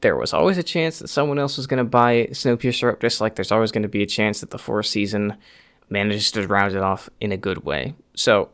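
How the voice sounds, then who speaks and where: Male video host, lowish voice, chatty and rambling, mouth a bit slurred as if sore from dental work. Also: a little fast, fairly bright tone, clear, resonant tone. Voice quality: slightly slurred speech after wisdom tooth removal. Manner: rambling, conversational. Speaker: YouTube host giving TV show news. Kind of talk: unscripted news update to camera.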